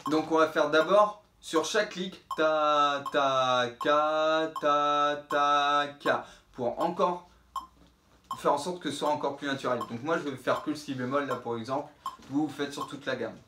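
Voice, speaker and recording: A man's voice: fairly high pitch, brisk, a bit bright, reverberant, slight background noise. A man teaching trombone in an instructional video, explaining patiently and speaking the tonguing syllables aloud as he demonstrates.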